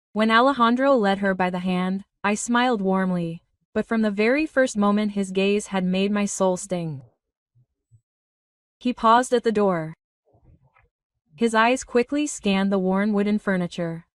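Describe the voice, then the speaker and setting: A woman reading a first-person story in a steady, even narrating voice. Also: mid-range voice, clean tone, no room sound, studio quality, distant mic.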